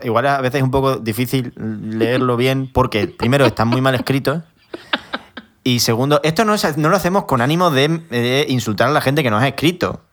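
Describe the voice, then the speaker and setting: A man, co-hosting a casual chat. He is playful and teasing and laughs quickly. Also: medium pitch, a bit bright. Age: late 20s. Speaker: podcast co-host.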